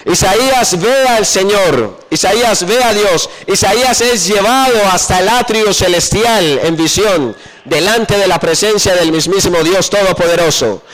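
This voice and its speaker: A man preaching a sermon, often pausing mid-verse to ask his listeners what comes next and slowing down to drop low on key phrases. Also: fairly bright tone, low-quality recording. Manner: asks the congregation questions and pauses for answers.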